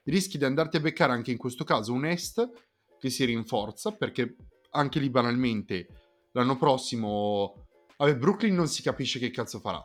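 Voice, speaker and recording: A man talks basketball as a podcast panelist in an average-pitched voice. His delivery is colloquial and emphatic, circling back to restate points. Soft music plays in the background. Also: expressive, normal speed. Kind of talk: casual basketball chat.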